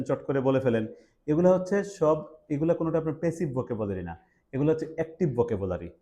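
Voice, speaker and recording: Young male teacher, classroom lecture, warm dark timbre, explanatory. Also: medium pitch. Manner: explanatory, quizzes students, mixes English words into Bengali. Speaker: English teacher.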